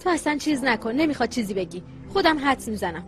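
A young wife who distrusts her husband, cutting and sarcastic. Her voice sits high. Soft music plays underneath. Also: lively intonation. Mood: scornful. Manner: sharp, sarcastic, accusing. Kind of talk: Persian dub of a Turkish drama.

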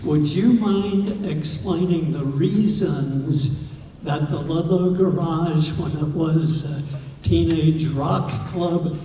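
Slow-spoken man from the audience. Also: fairly high pitch, dark tone. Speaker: audience member. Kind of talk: asking a question. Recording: echoey hall from far off, dull.

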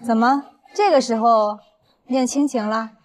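A woman's voice: a little high, a little slow, a little hiss or hum, close to an everyday voice. An actress playing a ruthless, cold middle-aged company chairwoman in a drama. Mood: cold, commanding. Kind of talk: villain drama acting.

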